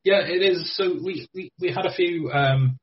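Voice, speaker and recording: A man's voice: high voice, moderate pace, slight background noise. A man, a game creator talking as a podcast guest, hesitant with many ums and restarts, on dull lo-fi remote audio. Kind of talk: casual interview chat.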